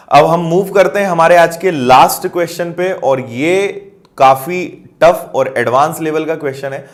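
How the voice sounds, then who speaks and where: Guy with a slightly high voice walking through math problems, asks if you got it. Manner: explanatory, checks understanding with questions. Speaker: maths teacher. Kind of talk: explaining math problems on a board.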